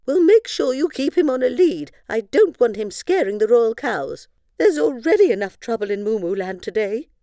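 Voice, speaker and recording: Storybook cow queen, imperious and sneezy, loud and high; played by a woman. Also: very animated, moderate pace, vocal fry, no echo, clean studio sound. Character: bossy, sneezy female cow queen on a poster.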